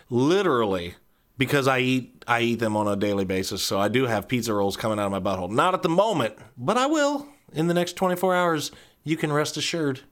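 A man hosting a solo podcast in a casual, rambling monologue, swearing freely and jumping into sudden high squeaky outbursts. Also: fairly bright tone. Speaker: podcast host.

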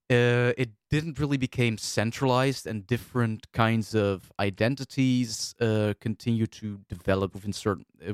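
A man's voice: fairly low pitch, no room sound, clean studio sound. A man co-hosting a podcast, talking through history in a thoughtful, hesitant way with many fillers. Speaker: podcast co-host. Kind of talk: casual discussion.

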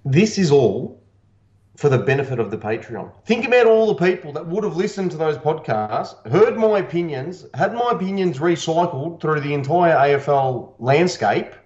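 A cheeky Australian man trades crude, boastful jokes on a podcast. His voice comes through muffled and hollow, as if he's talking through a paper cone. The sound is dull and boomy, with a lot of room echo. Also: animated, normal speed, a little mellow. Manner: swears a lot, teasing and boastful. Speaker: podcast co-host. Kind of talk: crude, jokey banter.

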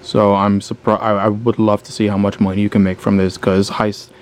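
A man co-hosting a casual gaming podcast, talking in a low-key, dry and sarcastic way. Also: little pitch movement, fairly quick. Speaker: podcast co-host.

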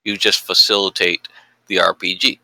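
A man's voice: deep voice, flat delivery, moderate pace, vocal fry, pushed and bright, no room sound, rough recording. A man chatting casually on a podcast as a co-host, explaining things in a wordy way.

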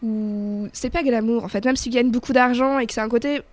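A woman's voice: fairly high pitch, steady tone, a little fast, a little mellow, no room sound. A young woman chatting casually on a radio show about TV series, with lots of fillers and restarts. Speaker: radio guest presenting TV series. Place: small radio studio. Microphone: studio microphone.

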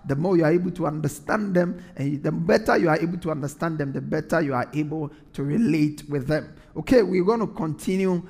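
A man's voice: fairly high pitch, brisk, gravelly, few pauses, a little mellow, big-room sound. A man preaching a sermon in an earnest way, repeating phrases for emphasis.

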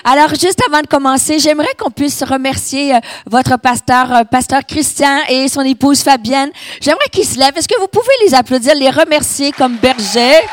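A middle-aged woman with a Québécois French accent, slightly hoarse, preaching a sermon and speaking directly to a congregation. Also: sits high, normal speed, few pauses, no echo. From Quebec. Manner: animated, addressing the congregation directly. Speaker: guest preacher. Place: church hall.

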